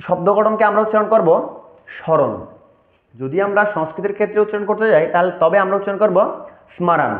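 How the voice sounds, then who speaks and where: Guy teaching pronunciation online, formal and slow, high voice, echoey tinny audio. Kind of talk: online lesson. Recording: echoey, tinny phone-like sound.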